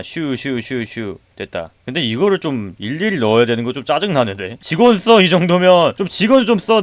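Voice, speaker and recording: Lively excitable man playing a game. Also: fairly high pitch, no room sound, studio quality. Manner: excitable, swings from loud outbursts to muttering; mock-scolds customers like a grumpy shopkeeper. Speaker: gaming streamer. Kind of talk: game commentary.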